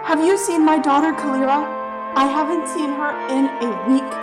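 A man putting on a frantic, crying mother, her voice pitched very high and breaking. She pleads for help in a fantasy audio story. The sound is roomy and distant, with music swelling underneath. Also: fairly even intonation, moderate pace. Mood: pleading, tearful. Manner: crying, struggling to speak. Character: weeping desperate mother searching for child. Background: loud music.

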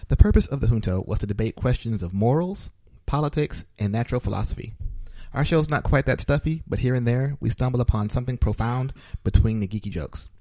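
A male podcast host riffing casually into a close, dry mic. He jokes constantly, chuckles between lines and rambles through fillers, with a medium voice that sounds relaxed and at ease. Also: mid-range voice, a little fast, no echo. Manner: jokey, laughs often, loose filler-heavy talk. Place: small podcast studio.

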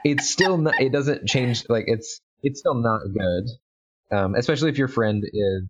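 A podcast guest chatting casually about comics, halting and joking as they go. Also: medium pitch, husky. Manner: hesitant, restarting, joking.

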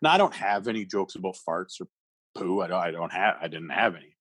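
Husky-voiced male comic from Canada, animated storyteller, dry close sound. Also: sits low, fast, no room sound. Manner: animated, laughs through his own story. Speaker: comedian guest. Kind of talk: casual storytelling.

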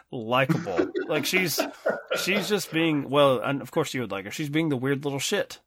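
A man co-hosting a casual film discussion, halting and self-correcting, wry with small chuckles. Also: mid-range voice, expressive, crowd noise. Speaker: podcast co-host.

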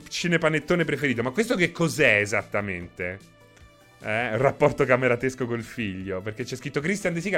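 A chatty man live-streaming and answering his chat by name, laughing often. His voice is bright and forward, with a very lively pitch that jumps around as he talks. Faint music plays behind him.

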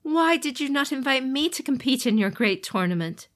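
A jealous fallen male demigod , acted by a woman, hurls shouted accusations at his kin. The voice climbs high and rings loud and harsh. It is a villain in a spoken storybook. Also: animated, moderate pace. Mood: resentful.

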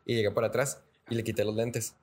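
Fast-talking Mexican young man telling stories. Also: on the low side, level tone, a little mellow. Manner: rapid slangy storytelling with frequent filler "güey". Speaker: podcast host. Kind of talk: casual storytelling chat.

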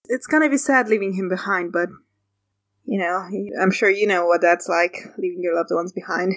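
A woman voicing a calm, tender-hearted young woman in her everyday voice. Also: lowish voice, normal speed, dry recording, natural voice.

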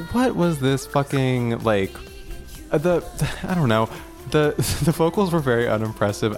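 Man, casual chat, blunt, profane, opinionated, faint background music. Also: on the low side. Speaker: podcast co-host.

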